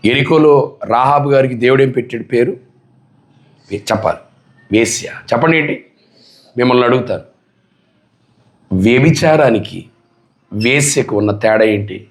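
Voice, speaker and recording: A man's voice: medium pitch, normal speed, long pauses. A male pastor preaching a sermon, emphatic and full of rhetorical questions put to the congregation.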